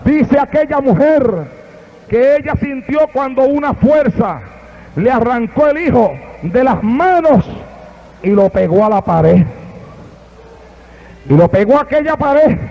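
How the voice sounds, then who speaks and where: A preacher delivers a fervent Pentecostal sermon in church, mixing storytelling with loud calls to the congregation. His voice rides very high, and the old recording sounds dull and muffled.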